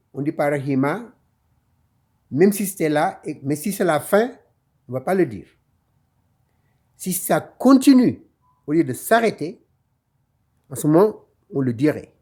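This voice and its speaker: A man teaching Quran reading in a slow, patient lesson, explaining each letter and repeating the phrase in a drawn-out recitation. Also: a little high, darkish tone, slightly rough.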